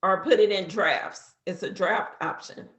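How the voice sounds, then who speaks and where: A woman's voice: mid-range voice, measured pace, fairly bright tone, echoey room. A woman in her fifties casually walking a beginner through an app step by step, chatty with fillers. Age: 50s. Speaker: business coach teaching social media. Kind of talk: casual how-to walkthrough.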